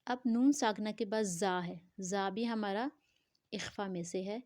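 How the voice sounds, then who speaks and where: Woman teacher, steady mid voice, dry close sound, patient letter-by-letter drilling. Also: medium pitch, no room sound. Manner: spells words letter by letter, drawing out nasal sounds. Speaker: Quran recitation teacher. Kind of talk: slow spelling-out tajweed lesson.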